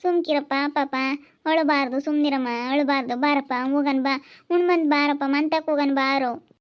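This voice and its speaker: A woman's voice: sits high, steady tone, normal speed, highs cut off, lightly acted. A woman with a rural Chitradurga Kannada accent playing an older village mother who coaxes and soothes with repeated pleas in a village family drama. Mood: consoling. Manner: coaxing, repetitive soothing.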